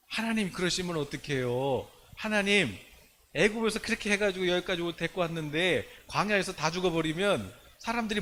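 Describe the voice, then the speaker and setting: A man's voice: fairly high pitch, fairly bright tone, a little hiss or hum, natural voice. Guy doing an old leader begging, kinda anxious, coaxing. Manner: pleading, coaxing. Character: pleading older male leader, anxious.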